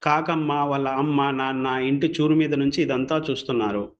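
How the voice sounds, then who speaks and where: A man telling a folk story as scripted narration, steady and plain. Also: medium pitch, moderate pace, dull audio.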